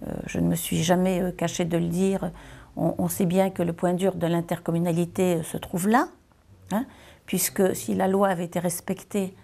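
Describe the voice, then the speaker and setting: Speaking as a local elected official, this woman gives a semi-improvised political statement in a slow, hesitant way, circling back to phrases to stress them. Her fairly low voice is mellow yet gravelly.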